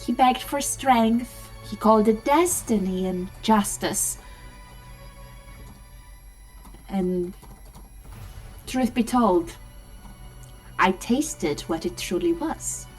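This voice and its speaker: Old hag, acted by a female game master: proud, gloating, slow dramatic storytelling for a fantasy tabletop game, faint music underneath. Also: mid-range voice, lightly acted, poor audio. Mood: scornful, gloating. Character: proud, scornful old hag reading her cunning journal.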